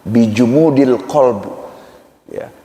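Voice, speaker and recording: A man's voice: mid-range voice, slow pace, warm tone. A man preaching a humorous mosque sermon, chatty and joking as he acts out little dialogues. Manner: jokey and conversational, acts out dialogues. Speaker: ustaz preacher. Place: mosque hall. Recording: echoey hall reverb.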